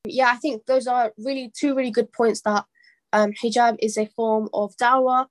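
Measured woman co-host, flat delivery, dry close mic. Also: fairly high pitch, no room sound. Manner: measured, sums up others' points. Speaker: podcast co-host. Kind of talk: casual chat.

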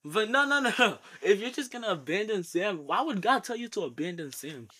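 Young male host, high and bright, teasing and repetitive in casual banter, low quality stream audio. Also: big pitch swings, moderate pace, slightly rough. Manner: teasing, insistent, repeats himself. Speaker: host asking questions. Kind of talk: casual bantering group chat. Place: online voice call. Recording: low quality, glitchy online call stream.

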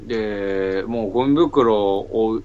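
A man co-hosting a casual comedy radio talk show, telling rambling stories with deadpan retorts and sound-effect words. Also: on the low side, slow pace, muffled recording.

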